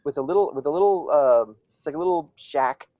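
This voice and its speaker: A man's voice: a little high, brisk, warm tone, no echo, lo-fi sound. A man narrating as game master, rambling with many fillers and restarts.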